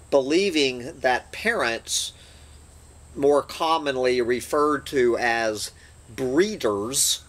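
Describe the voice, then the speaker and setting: A man's voice: mid-range voice, a bit bright. A man hosting his channel, reading an essay aloud with dry, sardonic asides between passages. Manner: slow, deliberate reading with sardonic asides and throat-clearing.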